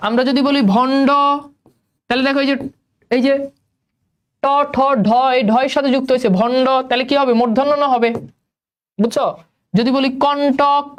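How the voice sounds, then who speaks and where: Young man teaching, high voice. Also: level tone, brisk, long pauses. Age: young adult. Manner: repeats questions, prompts students to answer. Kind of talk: spelling lesson to students.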